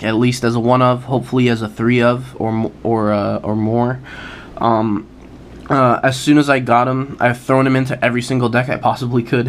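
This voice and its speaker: A man hosts a casual video run-down of card game picks at a middle pitch. He sounds eager and talks loosely, filling gaps with "uh" and chuckling at himself. A faint hiss of noise sits under his voice. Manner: enthusiastic, many filler "uh"s, laughs at himself. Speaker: card game channel host.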